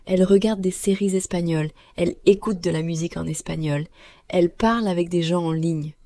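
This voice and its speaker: A woman co-hosting a learners' podcast, speaking clearly and slowly like a teacher. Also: on the low side, fairly even intonation, mellow, no room sound, studio quality. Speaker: podcast co-host. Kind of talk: scripted podcast dialogue for learners.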